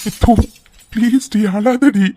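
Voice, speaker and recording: A man's voice: very high voice, fairly even intonation, takes it slowly, warm tone. A man voicing a cartoon friend who begs forgiveness and a grieving father, in a pleading, apologetic manner. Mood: soothing. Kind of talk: cartoon voice acting.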